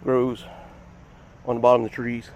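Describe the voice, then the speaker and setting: A man's voice: medium pitch, completely flat delivery, moderate pace, darkish tone. An American man narrating a walk in a casual, rambling, unscripted way outdoors in the woods by a babbling creek. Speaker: nature vlogger, trail guide. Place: outdoors on a wooded trail near a creek. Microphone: handheld phone or camera while walking. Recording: outdoor woodland noise, stream, distant road. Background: outdoor ambience of stream and distant road.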